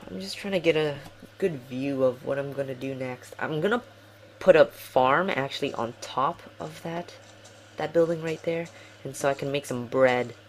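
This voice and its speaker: This young gaming commentator speaks in a mid-range voice at a moderate pace, with a faint hiss or hum behind him. Commentating casually at home, he wanders off topic, keeps apologizing, and makes jokes at his own expense.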